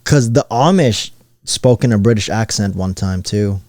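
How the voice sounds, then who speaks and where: A young man with a lowish, mellow voice co-hosts a podcast, lobbing jokes and rambling questions. The sound is dry and close, with no room around it. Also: moderate pace, no echo. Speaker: podcast co-host. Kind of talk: casual chat.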